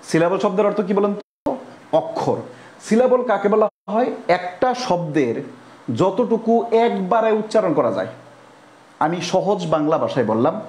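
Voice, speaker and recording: Male Bangladeshi teacher, high voice, echoey classroom, repetitive quizzing lecture style. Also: a little mellow. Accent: Bangladeshi Bengali. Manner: repetitive, quizzing students with rhetorical questions; spells words out letter by letter. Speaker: English grammar teacher.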